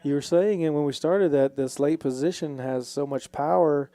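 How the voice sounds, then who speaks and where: A man's voice: on the high side, normal speed, mellow. A man hosting and giving casual live commentary on a poker game.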